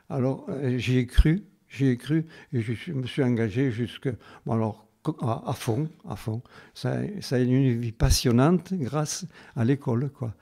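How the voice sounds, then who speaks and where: A man in his nineties with a southern French accent from Carmaux, a retired schoolteacher telling his memories in an interview, halting but emphatic. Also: mid-range voice, dark tone. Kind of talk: reminiscing interview.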